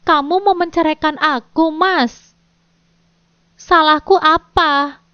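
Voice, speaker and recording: A woman's voice: sits high, steady tone, a little slow, a bit bright, no room sound, voice pushed up. A woman voicing a tearful betrayed wife. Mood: pleading. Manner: tearful, pleading. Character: betrayed young wife confronting her husband. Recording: dull dry lo-fi recording.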